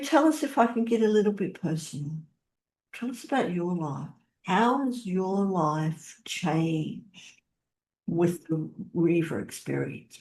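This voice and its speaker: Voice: mid-range voice, a little hiss or hum. A podcast host asking personal questions and affirming the guest's answers. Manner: encouraging, affirming follow-ups. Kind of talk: interview hosting.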